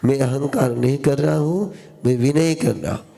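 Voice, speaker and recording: Speaking in a mid-range voice with vocal fry and a dark tone, a man gives a sermon to a live audience as a spiritual teacher. He moves slowly through short repeated phrases and quizzes listeners in call-and-response fashion.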